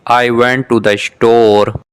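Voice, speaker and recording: A man with a medium-pitched, even voice reads scripted beginner dialogues for an English lesson, meant for shadowing practice. He goes unhurriedly through short question-and-answer exchanges, saying each one twice in a crisp, careful, measured way with precise articulation.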